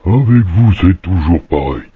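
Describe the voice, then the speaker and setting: A man playing a gruff, irritable special agent in a parody animated short, on a noisy amateur recording. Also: deep voice, unhurried, dry recording, narrow, tinny audio, exaggerated voice. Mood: grumpy. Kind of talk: parody cartoon acting.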